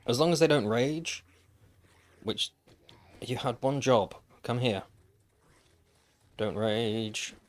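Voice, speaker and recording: He takes it slowly, leaving long pauses, in a voice of medium pitch. The man is streaming a survival game and chatting casually with viewers, with dry, wry asides along the way, picked up on a desk microphone.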